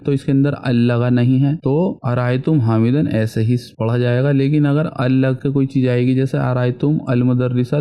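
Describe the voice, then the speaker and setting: A man teaching Arabic grammar to beginners, walking through exercises item by item and repeating words slowly. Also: mid-range voice, highs cut off. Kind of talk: explaining Arabic grammar in Hindi.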